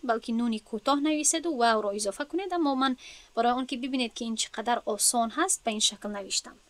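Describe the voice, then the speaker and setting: Tajik woman, grammar teacher, fairly high voice, patient questioning delivery, dry close recording. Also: dry recording. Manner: patient, asks the class questions and answers them. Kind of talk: explanatory lesson.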